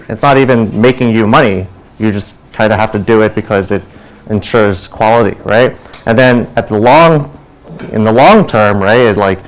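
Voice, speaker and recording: A man rushes through an informal tech lightning talk at a meetup, speaking colloquially and keeping things high level. He keeps checking in with "right?", and the recording quality is poor.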